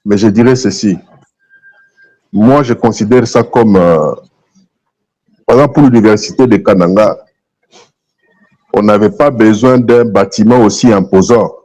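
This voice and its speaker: A Congolese-accented man from DR Congo, appearing as a talk show guest, shares opinionated political views while switching between French and Lingala. His lowish, slightly mellow voice moves a little slowly with long pauses, and he is emphatic, repeating his phrases.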